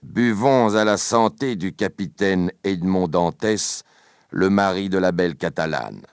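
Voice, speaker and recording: Scheming two-faced man, fake sympathy, deep and dry, as a reader puts him on. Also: very animated, normal speed, no room sound. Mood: sly. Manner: falsely sympathetic, hateful undertone.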